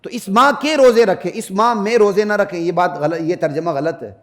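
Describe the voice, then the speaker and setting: This Friday sermon comes from a middle-aged man serving as mufti. His emphatic preaching swells to loud climaxes, then falls to quiet remarks aimed at the congregation, and he sings Arabic verses in a melodic chant.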